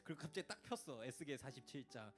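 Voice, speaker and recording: A man's voice: medium pitch, big pitch swings, quick pace, soft background music. A youth pastor, a man, teaching a question-and-answer session in a casual way, often checking that his listeners follow. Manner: acts out short quoted voices and examples. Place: church youth service.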